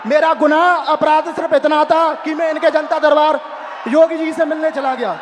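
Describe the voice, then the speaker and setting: A man's voice: very high-pitched, steady tone, moderate pace, raised voice. A young man, a student exam aspirant, giving impassioned public testimony in a raised, insistent voice, pouring out grievances point after point. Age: young adult. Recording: echoey large hall with crowd noise.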